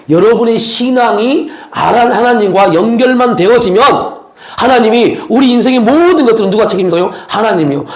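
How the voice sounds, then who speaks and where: A man's voice: high voice, reverberant. A man preaching a Sunday sermon as pastor, asking the congregation questions and acting out quoted voices. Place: church sanctuary.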